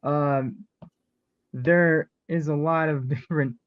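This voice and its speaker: A man's voice: a little high, fairly even intonation, slow pace, no room sound. Chatty male podcast host, dry lo-fi. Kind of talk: casual podcast chat.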